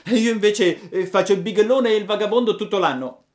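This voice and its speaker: A man reading a storybook, voicing a mischievous wooden puppet boy in a high, loud, excitable voice. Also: fairly quick, lightly acted. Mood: eager.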